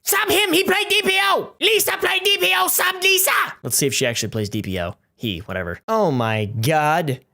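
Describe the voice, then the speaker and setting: A man's voice: high-pitched, normal speed, gravelly, few pauses, pushed and bright. A nineteen-year-old man reading viewer comments aloud in a casual vlog. He is goofy and self-mocking, swears, and often breaks into mock outrage. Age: late teens.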